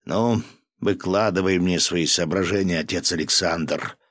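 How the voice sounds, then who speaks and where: Man doing a gruff, domineering old-time governor. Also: sits low, a little slow, a bit bright, no room sound, studio quality. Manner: gruff, barking, commanding.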